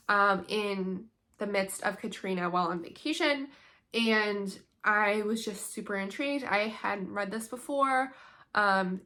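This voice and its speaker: A young woman with a bright, clear tone talks through her latest book haul in an easy, chatty way. She sounds eager and upbeat, sprinkling in ums as she goes. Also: mid-range voice. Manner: enthusiastic, chatty, frequent ums. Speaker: homeschool book vlogger. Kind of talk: casual book haul chat.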